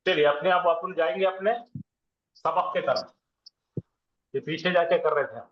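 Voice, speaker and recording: A man with a high voice teaches a grammar class, firing questions at his students and waiting for them to answer back. He runs through verb forms in sing-song lists. The lecture was captured on a dull, lo-fi recording in a roomy classroom. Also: measured pace. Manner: drills students with call-and-response questions; chants verb conjugations in rhythmic lists.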